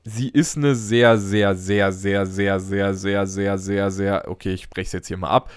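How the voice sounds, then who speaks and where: A man's voice: low voice, fairly even intonation, measured pace, clean tone, no room sound, clean studio sound. A man hosting a podcast in casual, rambling chat, full of jokes. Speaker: podcast host.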